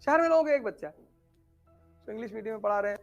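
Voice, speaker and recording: A man giving a humorous motivational talk, telling stories with animated swings between loud and hushed delivery. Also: high voice, very fast, gravelly, muffled recording, faint music behind. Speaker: motivational speaker.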